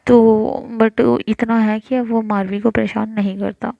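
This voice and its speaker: A woman's voice: fairly high pitch, level tone, measured pace, creaky, no room sound, highs cut off. A woman telling a love story in casual narration, rambling with many filler words and self-corrections.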